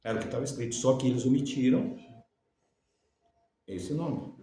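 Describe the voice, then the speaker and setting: A man's voice: mid-range voice, normal speed, warm tone. A man teaching a Bible lesson, who asks rhetorical questions and answers them himself, and dictates letters for viewers to write down. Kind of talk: religious teaching lecture. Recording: very echoey room.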